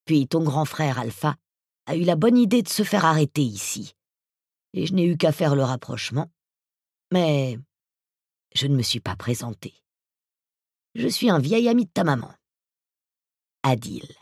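Reader putting on a big creepy villain guy, hissy and breathy, low and quiet, dry close sound. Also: sing-song, measured pace, pauses often, no room sound, exaggerated voice. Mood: quiet menace. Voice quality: hollow, hissing like a snake. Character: hulking middle-aged male villain, menacing. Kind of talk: audiobook character voice.

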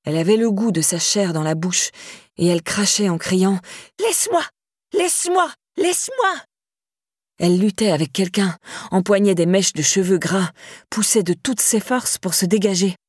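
A woman reads a thriller aloud in a steady, measured way. Her voice sits slightly low, and the recording is close and dry. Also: breathy edge, no echo. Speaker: audiobook narrator. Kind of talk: scripted narration.

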